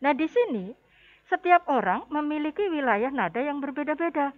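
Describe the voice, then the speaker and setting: A woman music teacher giving a recorded lesson, patiently explaining to her pupils and addressing them warmly as a class. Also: high-pitched, lively intonation, moderate pace, phone-quality sound.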